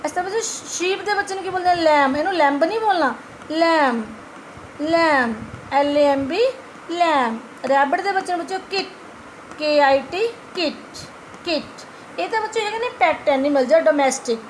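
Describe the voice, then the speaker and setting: A woman's voice: extremely high pitch, moderate pace, a little hiss or hum, low-quality recording. A woman teaching young children, spelling words letter by letter in a patient, repetitive way. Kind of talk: classroom vocabulary lesson.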